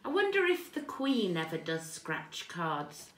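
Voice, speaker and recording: A woman's voice: on the low side, huge pitch swings, measured pace, fairly bright tone. A British woman chatting casually and playfully as a co-host. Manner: playful interjections. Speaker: co-host of a scratch card channel. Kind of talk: casual chat. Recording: roomy echo.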